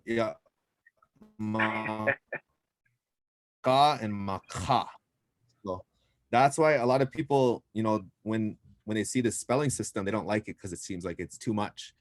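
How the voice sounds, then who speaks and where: A man's voice: on the low side, fairly quick, a little mellow, no room sound, clean studio sound, faint music behind. A man teaching a language class, patiently explaining pronunciation step by step.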